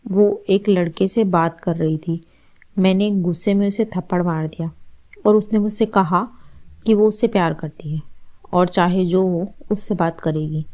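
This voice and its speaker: A woman's voice: fairly low pitch, steady tone, measured pace, a little mellow, close to an everyday voice. A woman voicing a tearful, anxious mother who pleads her case, in a storybook reading. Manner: pleading, choked up.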